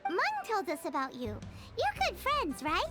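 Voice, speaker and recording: Paimon, a squeaky tiny sprite. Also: female voice, huge pitch swings, moderate pace, full character voice. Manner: chirpy, exclamatory, nosy. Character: tiny excitable female floating companion sprite. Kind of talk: video game voice acting. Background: game music.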